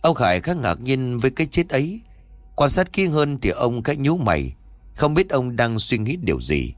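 A man's voice: mid-range voice, moderate pace, dry recording, soft background music. A man narrating a scripted horror story and voicing its characters himself. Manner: lively, voices the characters' dialogue himself.

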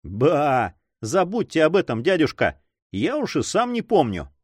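A man's voice: on the high side, huge pitch swings, unhurried, husky, no echo, exaggerated voice. A man voicing a bold, brash young male adventurer in a read-aloud story, dry close sound. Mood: confident. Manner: brash, self-assured.

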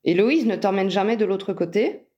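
A woman reading aloud and voicing a confident, teasing young male wizard, in a mellow voice. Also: on the high side, normal speed, lo-fi sound, lightly acted. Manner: teasing, cheerful insistence.

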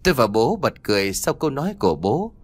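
A male narrator tells a first-person story in an audiobook. His pitch moves a great deal, which makes the telling lively and expressive. The recording is close and dry, without room echo. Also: fast talker.

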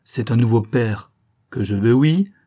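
A man's voice: medium pitch, unhurried, dark tone, lightly acted. A man reading a novel aloud, voicing a devoted young daughter who pleads earnestly with her father. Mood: pleading. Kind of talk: audiobook character reading.

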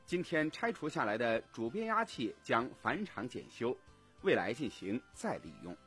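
A man presenting local radio news in a scripted, animated newsreader delivery. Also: medium pitch, normal speed, faint music behind.

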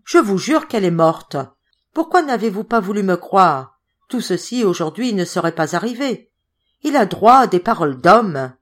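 A woman voicing a calm young bride with a harmonious, steady voice, in an audiobook reading. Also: medium pitch, moderate pace.

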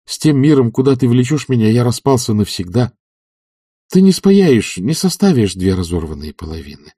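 A man reading an audiobook, voicing a weary, apathetic middle-aged gentleman who talks in a soft, pleading, subdued way. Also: mid-range voice, sing-song, moderate pace, breathy edge, no echo, clean studio sound, recorded from a distance, voice pushed up. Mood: resigned.

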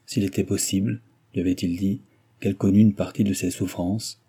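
Low, husky male audiobook narrator. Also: fairly even intonation, brisk, warm tone. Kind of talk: scripted narration.

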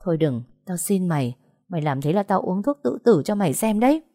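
A woman voicing a worn-out, heartbroken young woman who pleads quietly in a storybook reading. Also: on the low side, very animated, brisk, no room sound, clean studio sound. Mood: pleading.

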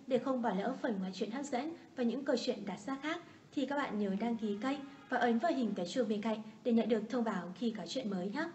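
A woman's voice: on the high side, a little mellow, distant mic, a little hiss or hum. Woman host introducing an audiobook channel.

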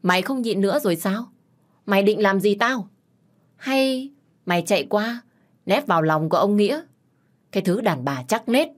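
A woman voicing a drunken, abusive middle-aged father who shouts and curses with contempt. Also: on the low side, lively intonation, normal speed. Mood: furious contempt.

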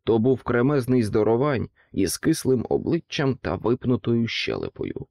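A man narrating an audiobook in an expressive storytelling manner. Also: mid-range voice, moderate pace, gravelly, dry recording.

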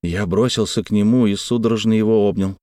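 A man narrating a classic story in a measured, literary reading. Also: fairly low pitch, fairly even intonation, warm tone, no echo, clean studio sound. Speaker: audiobook reader. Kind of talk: scripted narration.

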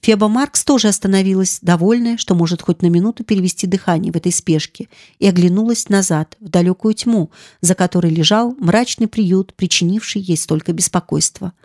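A woman narrating an audiobook in a measured, dramatic storytelling manner. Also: mid-range voice, darkish tone, no room sound, clean studio sound. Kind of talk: scripted narration.

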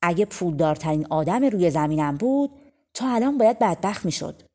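A woman's voice: lowish voice, expressive, darkish tone. A woman reading a folk tale aloud, voicing a sly, scheming male devil who gambles with people's fortunes. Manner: wheedling, then wailing in pain.

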